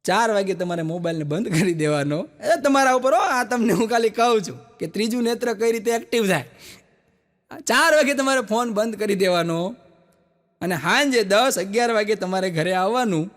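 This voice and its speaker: A man's voice: high voice, animated, moderate pace, a bit bright. A man with a Gujarati accent doing stand-up, telling joke stories full of quoted dialogue. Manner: storytelling with quoted dialogue, audience laughing. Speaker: stand-up comedian.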